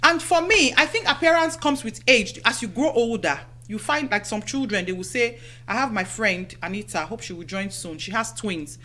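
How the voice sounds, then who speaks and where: A woman's voice: a little high, expressive, moderate pace, few pauses, bright, forceful tone. Woman, middle-aged, radio host, casual advice chat, motherly, chatty, studio mic. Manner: chatty, motherly, peppered with "you know". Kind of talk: casual advice talk to women listeners.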